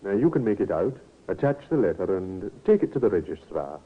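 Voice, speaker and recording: Practical family doctor, fairly low voice with lots of movement, businesslike, tinny radio sound. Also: male voice, very animated, a little fast, husky, heavily acted. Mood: brisk, offhand. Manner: businesslike, offhand. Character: brisk, matter-of-fact male family doctor. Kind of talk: old-time radio acting. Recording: tinny, hissy vintage radio recording.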